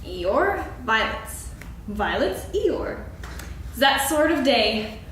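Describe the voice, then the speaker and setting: A woman playing a small, timid, sweet piglet in a staged reading, gentle and anxious. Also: on the high side, big pitch swings, drawn-out words, exaggerated voice. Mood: wistful, cheerful. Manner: timid, gentle, exclaiming softly. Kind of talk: staged dramatic reading for children's story. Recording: echoey stage, distant mic, faint noise.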